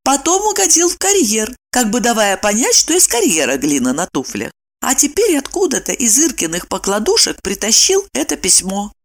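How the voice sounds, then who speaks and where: A woman reading an audiobook, voicing a squeaky, fretful woman who frets and scolds. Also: huge pitch swings, normal speed, exaggerated voice. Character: fussy anxious woman, squeaky, superstitious.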